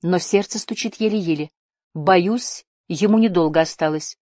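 Soft-spoken young heroine read by a woman, storybook dialogue, low and dry. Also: a little slow, dry recording, close to an everyday voice. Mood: worried.

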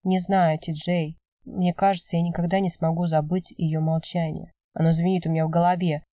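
A heartbroken young man speaks quietly and wearily, pulled inward, voiced by a female narrator. His tone is dark and mellow. The mic is dry and slightly distant. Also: fairly low pitch, level tone, fairly quick, no room sound, lightly acted. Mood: weary. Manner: quiet, weary, subdued.

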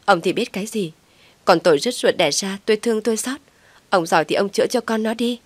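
A woman voicing a distraught middle-aged mother who pleads loudly through tears. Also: medium pitch, brisk, no room sound, lightly acted. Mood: shrill retort. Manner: tearful, loud and pleading.

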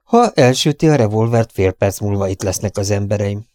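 A man voicing a composed middle-aged male police inspector in an audiobook, speaking calmly and in a measured way. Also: lowish voice, no echo, clean studio sound, natural voice. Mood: calm, firm. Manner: calm, measured. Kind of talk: audiobook character reading.

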